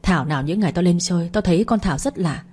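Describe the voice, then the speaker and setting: An older village mother, enraged and harsh, lashing out at her grown son in a narrated audio story, played by a woman. The voice sits low and mellow with a husky edge. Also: rapid-fire. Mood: furious.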